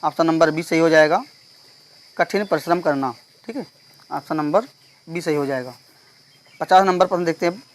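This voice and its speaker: Man teaching, birds and crickets behind. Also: fairly high pitch. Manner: explains step by step, reads questions slowly, repeats "theek hai". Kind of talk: exam paper walkthrough lesson.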